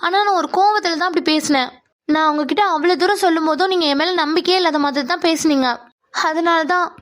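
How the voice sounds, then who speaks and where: A woman's voice: extremely high pitch, fast talker, fairly bright tone. A woman voicing Preethi, a pleading young woman. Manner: pleading, coaxing. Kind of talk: cartoon voice acting.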